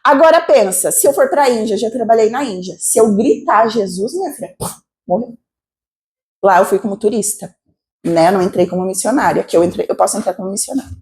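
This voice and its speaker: A Brazilian woman missionary preaching a sermon to a congregation, with a Brazilian Portuguese accent, asking lively rhetorical questions. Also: medium pitch, quick pace, a little hiss or hum. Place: church service.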